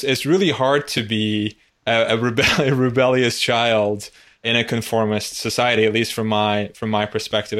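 A man's voice: fairly low pitch, a bit bright. A man from Turkey hosting an interview, asking thoughtful questions in a conversational way with frequent restarts. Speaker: podcast host, interviewer.

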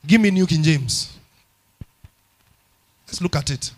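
A middle-aged man preaching with a Ghanaian English accent and a slightly high voice. He repeats lines for emphasis and moves between quiet, low passages and loud outbursts. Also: slow pace. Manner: emphatic, repeats phrases, swings from hushed to loud. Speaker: pastor. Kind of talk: sermon.

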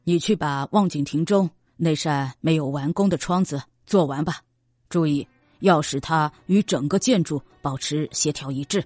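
A woman's voice: low-pitched, normal speed, darkish tone, no echo, faint music behind, voice pushed down. Aladdin woman voicing, courteous young man, deferential, dry close recording. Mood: commanding. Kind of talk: storybook reading.

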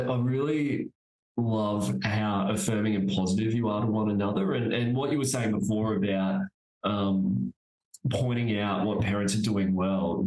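Low-voiced podcast host. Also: male voice, echoey room, low-quality recording. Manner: warmly affirming, hesitant with fillers. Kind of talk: casual interview chat.

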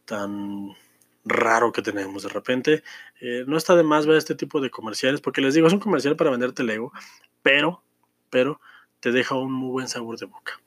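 A man talks through a film review, eager and chatty, stopping to restart his sentences and filling gaps with "eh". His voice sits at an ordinary middle pitch. The recording is dry and close, with no room sound around him. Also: fairly even intonation, moderate pace, fairly bright tone, no echo. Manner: chatty, enthusiastic, many restarts and fillers. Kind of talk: casual film review monologue.

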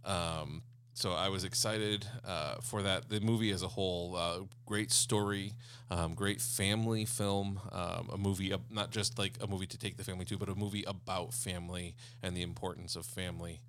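A man with a very deep, low voice co-hosts a casual entertainment podcast, speaking eagerly and earnestly with many uh and um fillers. A faint hum sits under his voice. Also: fairly even intonation, moderate pace, fairly bright tone. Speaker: podcast co-host. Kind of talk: casual chat.

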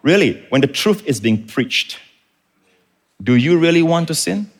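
A man's voice: fairly high pitch, sing-song, a little slow. Impassioned man preaching. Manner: impassioned, rising to shouts; teaching, explains Greek words. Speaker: pastor. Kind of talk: sermon.

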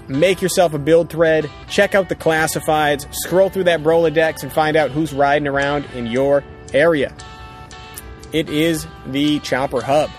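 Higher-pitched man hyping a podcast over music. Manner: profane, informal, upbeat hype. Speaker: podcast co-host. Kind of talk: casual podcast banter and sponsor reads. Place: outdoors on a ranch.

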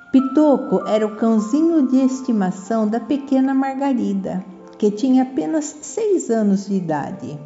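An older Brazilian woman narrating a children's story in a gentle, teaching manner, as if to small children. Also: mid-range voice, dull audio. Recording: echoey room, soft music behind.

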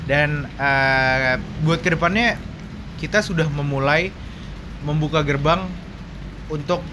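A man's voice: on the high side, slow, noisy background. A man with a Jakarta accent hosting a podcast in casual, joking Jakarta slang, dropping in English words. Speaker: podcast host.

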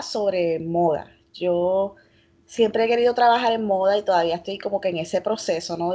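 A woman's voice: mid-range voice, warm tone. Reflective Puerto Rican woman, lo-fi. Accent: Puerto Rican Spanish. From Puerto Rico. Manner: reflective, many fillers and hedging tags. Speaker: guest, fashion blogger. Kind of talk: casual interview.

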